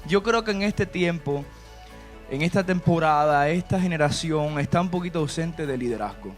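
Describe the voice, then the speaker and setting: A man's voice: on the high side, expressive, normal speed, soft background music. A man pastor hosting a church talk show, talking in a chatty preaching manner with frequent tag questions. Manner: preachy, warm and chatty, with many "¿verdad?" asides. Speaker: pastor and host.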